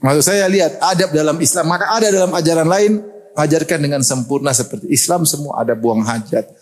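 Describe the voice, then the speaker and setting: A middle-aged Indonesian man delivers a sermon in a lively, joking way and laughs often. His voice sits a little high for a man. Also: brisk. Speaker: preacher.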